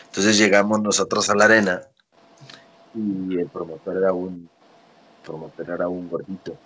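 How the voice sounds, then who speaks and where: A man's voice: deep voice, normal speed, breathy edge. A man from Veracruz, Mexico, with a Mexican accent, telling a long anecdote as a podcast guest and acting out what others said. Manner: animated storyteller, acts out quotes. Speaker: guest wrestler. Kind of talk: casual anecdote in a podcast interview.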